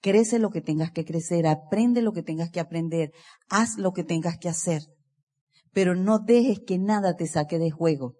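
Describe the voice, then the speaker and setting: A woman giving an energetic motivational speech to a live seminar audience, asking listeners direct questions. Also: lowish voice, moderate pace, long reverb tail. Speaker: motivational speaker at a business seminar.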